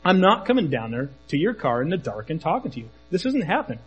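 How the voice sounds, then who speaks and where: A stern father giving curt, firm orders in a husky, fairly high male voice, as a preacher quotes him. He stays calm and does not budge. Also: fast talker, highs cut off, exaggerated voice. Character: stern, unflinching father standing his ground.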